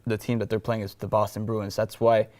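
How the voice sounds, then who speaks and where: A man's voice: on the low side, level tone, fairly quick, darkish tone. A young man on a student sports panel, explaining things with hesitant fillers. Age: young adult. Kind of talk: casual panel discussion.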